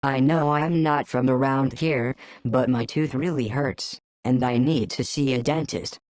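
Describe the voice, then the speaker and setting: A man's voice: mid-range voice, unhurried, a little mellow, no room sound, natural voice. A man voicing a worried young patient with a sore tooth, speaking plainly.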